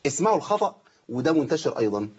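A man's voice: a little high, sing-song, very fast, slightly rough, lo-fi sound. A man with an Egyptian accent teaching Quran recitation on a live show, stretching out demonstration phrases and quizzing his students. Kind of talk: live TV recitation lesson with call-ins.

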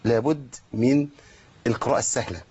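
A man's voice: mid-range voice, a little fast, darkish tone, slightly rough, muffled recording. A man with an Egyptian Arabic accent teaching Quran recitation rules, asking questions and answering them himself. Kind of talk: tajweed lesson with recited examples.

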